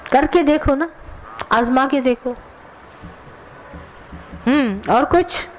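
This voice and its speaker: A woman's voice: sits high, slow pace, a little hiss or hum, poor audio. Earnest woman preaching a satsang. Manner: earnest and admonishing, answers questions directly. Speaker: spiritual teacher. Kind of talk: satsang sermon with audience questions.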